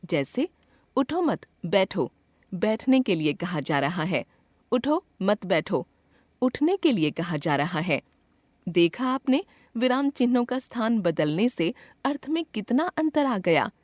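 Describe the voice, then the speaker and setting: A woman teacher narrating a scripted grammar lesson in a clear, expressive way, acting out example sentences. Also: medium pitch, unhurried, no room sound.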